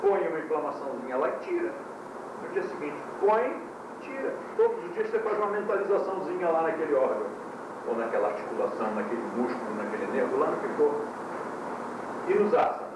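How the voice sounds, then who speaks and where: A man teaching a yoga class in a lecture style, explaining with quick demonstrations and light humor, heard from an old VHS tape recording. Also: a little high, animated, recorded from a distance. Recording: old VHS tape, echoey room from afar, hiss.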